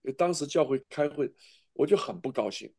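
A man's voice: fairly high pitch, animated, a little fast, gravelly, a little mellow, husky. A middle-aged man, a pastor, preaching a sermon with earnest, emotional testimony and frequent restarts.

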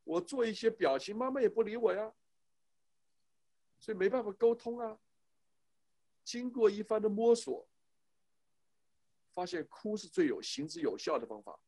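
A man's voice: sits high, lively intonation, normal speed, pauses often, dark tone. A middle-aged man giving a sermon on parenting as a church speaker, emphatic and fond of rhetorical questions to his listeners.

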